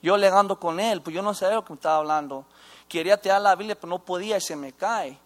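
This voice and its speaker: High-voiced man, halting testimony. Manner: halting, with restarts and mixing in English phrases. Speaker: former inmate giving testimony. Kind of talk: personal faith testimony.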